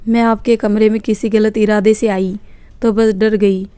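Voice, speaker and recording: A woman's voice: medium pitch, flat delivery, measured pace, warm tone, clean tone, no echo, close to an everyday voice. A woman reading the part of a frightened, timid young woman in a spoken story, hesitant and apologetic.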